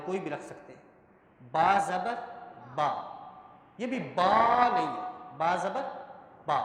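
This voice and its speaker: A man teaching Quran pronunciation in a classroom lesson, spelling out syllables slowly and often asking whether the class understands. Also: sits high, a bit bright. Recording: echoey hall.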